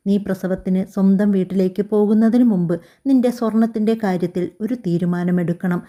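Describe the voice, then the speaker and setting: A woman reads out a stern, cold mother-in-law with a very dark, mellow tone. She speaks in demanding, clipped storybook lines. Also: mid-range voice, fairly even intonation, a little fast, natural voice.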